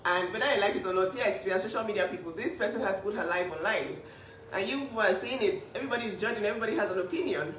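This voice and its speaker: A woman's voice: medium pitch, rapid-fire, a bit bright, slight background noise. A woman speaking up for her younger sister in a casual vlog, emphatic and indignant, with restarts. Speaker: older sister speaking up for family. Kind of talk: casual to-camera vlog talk. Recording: echoey room, voice from a distance.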